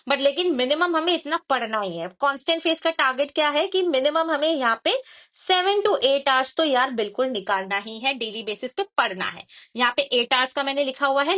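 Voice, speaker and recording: A woman's voice: sits high, pushed and bright. A woman explaining an exam study routine, mixing Hindi and English and often checking in with her listeners. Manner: conversational Hindi-English mix with frequent check-ins. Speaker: exam prep educator.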